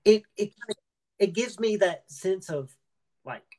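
A man's voice: high voice, lively intonation, slow pace, mellow. A man hosting a podcast interview, talking earnestly with frequent stammered restarts. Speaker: podcast host. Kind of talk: casual interview talk.

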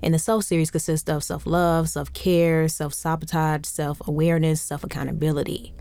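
This is a woman co-host in a casual podcast chat, speaking. Her voice sits slightly low. She keeps agreeing and adding to her partner's points, and she laughs easily. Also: little pitch movement, moderate pace, dark tone, dry recording. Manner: affirming, chimes in often, laughs easily.

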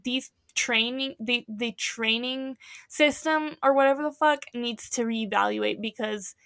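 Woman co-host with a high voice, heated and profane, casual podcast chat. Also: measured pace, vocal fry, a bit bright, smooth.

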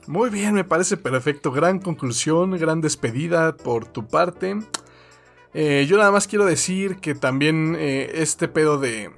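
A man's voice: on the high side, expressive, a little slow, creaky, faint music behind. A Mexican man co-hosting a podcast, chatting casually in laid-back, slangy, sweary bro talk. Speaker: podcast co-host.

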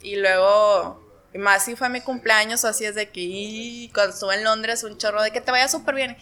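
Bright young northern Mexican woman. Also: medium pitch, moderate pace. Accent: northern Mexican, Monterrey. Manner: animated storytelling, quotes herself and others in acted asides. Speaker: YouTuber interview guest. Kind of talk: casual chat.

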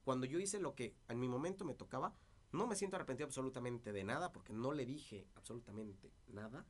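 In a casual interview, the guest, a party politician, reviews old disputes at a quick pace. He has a dry voice of medium pitch.

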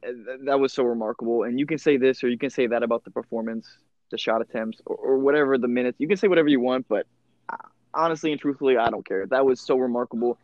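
A man's voice: medium pitch, fast, a little mellow, no echo. A man speaking earnestly and emphatically in a casual conversation as a podcast co-host. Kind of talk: casual chat. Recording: slightly dull, dry sound.

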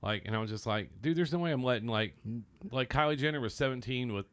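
A middle-aged man with a mid-pitched voice hosts a casual podcast. He rambles through anecdotes and slips into acted-out dialogue. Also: expressive, quick pace, a bit bright, clear, resonant tone. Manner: rambling storyteller who acts out quoted dialogue. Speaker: podcast host. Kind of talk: casual chat.

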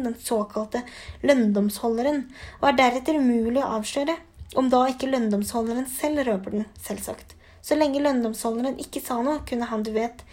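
A woman's voice: a little high, darkish tone, natural voice. A woman reading an audiobook, voicing a small, fussy male professor who explains in a whisper.

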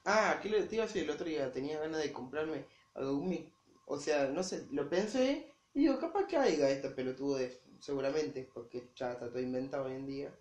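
A man's voice: on the high side, expressive, a little fast, darkish tone, reverberant. An Argentine man with a Rioplatense accent, insisting and swearing casually in a chat with a friend at home, recorded on a phone. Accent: Rioplatense Spanish. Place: his own home, indoors.

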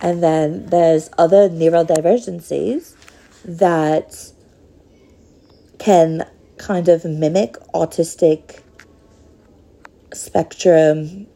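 A woman's voice: on the low side, steady tone, drawn-out words, creaky, pauses often, mellow. A woman hosting a podcast, speaking in a rambling, casual monologue with many fillers. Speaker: podcast host.

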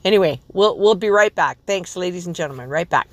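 A woman's voice: on the low side, lively intonation, a little fast. A woman hosting a podcast in a conversational style, introducing and questioning a guest. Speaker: podcast host.

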